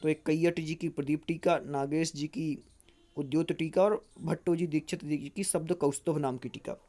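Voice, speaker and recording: Teacher slowly drilling rules for memorizing. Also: mid-range voice, fairly even intonation, dark tone. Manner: explanatory, asks and answers own questions. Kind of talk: exam-prep grammar lecture.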